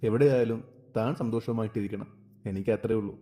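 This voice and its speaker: A man voicing a gentle, selfless young husband in a spoken story, talking softly and calmly. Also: on the low side, fairly quick, close to an everyday voice.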